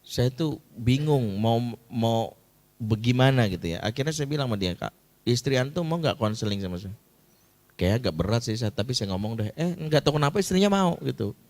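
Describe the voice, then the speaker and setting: A man preaching as a family counselor, an animated storyteller who acts out the people in his story in a much higher voice. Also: fairly quick. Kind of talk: storytelling talk to an audience.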